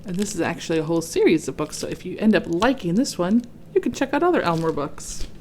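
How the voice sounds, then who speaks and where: Woman reading a picture book aloud, lively. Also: on the low side, quick pace, slight background noise. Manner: friendly, explains the story to kids. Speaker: children's book reader. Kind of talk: children's read-aloud.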